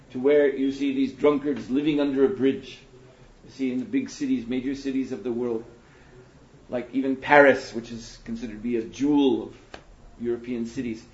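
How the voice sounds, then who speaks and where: Man giving a roomy lecture-hall sermon. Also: mid-range voice. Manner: animated storytelling with laughs. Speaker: monk lecturer. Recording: dull roomy lecture recording.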